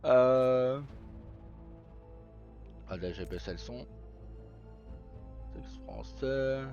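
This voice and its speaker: Very slowly and with lots of animation, a man with a medium-pitched, slightly mellow voice and some vocal fry chats unscripted on his livestream. His talk is colloquial and sweary, broken into short phrases, while faint game music hums through the dull, roomy audio.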